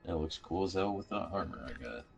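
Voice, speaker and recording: A man's voice: deep voice, animated, fairly quick, vocal fry, lo-fi sound, loud music behind the voice. A man co-hosting a let's-play, laid-back, reading out game items in casual chat.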